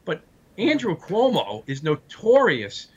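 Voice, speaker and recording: Higher-pitched man with a Brooklyn accent. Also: wildly swooping pitch, slow, breathy edge, highs cut off. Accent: Brooklyn, New York. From Brooklyn, New York. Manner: blunt, straight-shooting. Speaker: political party chairman, interview guest. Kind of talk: political commentary in a broadcast interview.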